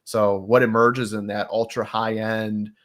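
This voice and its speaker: A man co-hosting a casual chat, measured and thoughtful. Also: fairly low pitch, little pitch movement, a bit bright. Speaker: co-host.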